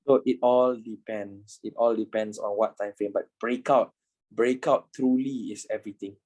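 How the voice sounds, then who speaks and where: A man's voice: lowish voice, steady tone, moderate pace, a little mellow, poor audio. A man in his twenties, a trading instructor talking informally in an online class, repeating himself and swearing casually. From Malaysia. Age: 20s.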